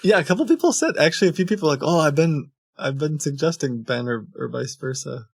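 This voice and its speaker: Gravelly laid-back male streamer. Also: a little high, lively intonation, quick pace, no echo. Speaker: streamer and host. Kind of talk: casual chat on a livestream.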